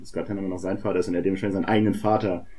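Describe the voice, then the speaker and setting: A man on a podcast chiming in with chatty remarks. His voice sits on the low side. He keeps an easy conversational manner. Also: level tone, very fast, mellow, husky. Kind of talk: casual chat.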